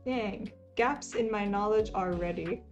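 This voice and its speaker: Female live-streamer, from Palestine, easygoing and chatty while crafting; leisurely delivery, mid-pitched voice. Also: unhurried, muffled recording, faint music behind. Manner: laid-back, chatty, frequent soft laughs, reads chat aloud. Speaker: cross-stitch streamer. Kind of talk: casual live-stream chat. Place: home, lives in Taiwan.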